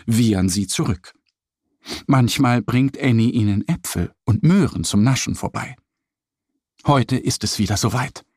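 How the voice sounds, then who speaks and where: A man narrating a children's story in a slow, lively, slightly husky voice. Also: medium pitch, no echo, studio quality.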